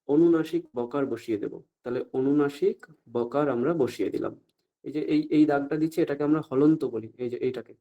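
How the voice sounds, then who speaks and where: A man teaching Sanskrit pronunciation in an online class, often stopping to ask if everyone follows and saying the examples out slowly. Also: medium pitch, warm tone, lo-fi sound. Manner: asks the class frequent check-up questions, slow deliberate recitation of examples.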